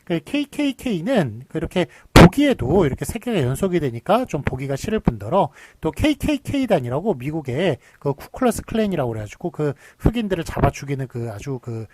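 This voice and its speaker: A man's voice: fairly high pitch, big pitch swings, fairly quick, hardly any pauses, noisy background. A man giving a recorded university lecture, explaining step by step, asking rhetorical questions and using many fillers.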